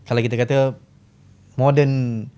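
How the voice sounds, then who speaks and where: A Malaysian man, a historian guest on a podcast, explaining in a fast way and often asking and answering his own questions. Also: medium pitch, fairly even intonation, mellow, clean tone. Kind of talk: podcast interview.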